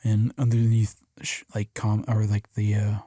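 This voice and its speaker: Mellow-voiced young man, rambling podcast chat. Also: on the low side, a little slow, dry recording, studio quality. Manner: rambling with fillers and restarts, tired monotone. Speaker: podcast co-host. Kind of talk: casual chat.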